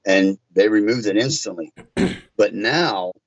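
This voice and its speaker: A man from Virginia, a tint shop owner being interviewed on a podcast, talking in halting, restarting bursts as he tells stories. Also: on the low side, dry recording, poor audio. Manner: halting, restarts often, storytelling.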